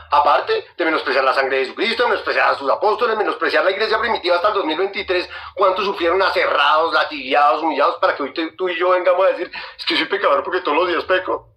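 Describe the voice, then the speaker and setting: A man's voice: a little high, bright, forceful tone, rough recording. A man preaching a sermon as a guest preacher, emphatic and repetitive, speaking straight to his listeners. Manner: emphatic, repeats phrases, addresses listeners directly.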